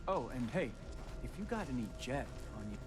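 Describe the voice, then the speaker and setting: Actor as a shifty, casual young slacker. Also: male voice, medium pitch, big pitch swings, fairly quick, soft background music, lightly acted. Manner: casual, evasive. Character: shifty, casual male junkie vault worker. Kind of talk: video game dialogue.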